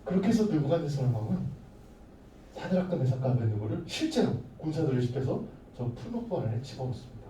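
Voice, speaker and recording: A man telling a bible story to children as their pastor, playful and animated, asking the kids questions as he goes. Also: a little high, quick pace, slight background noise. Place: church hall. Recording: echoey room, mic far off.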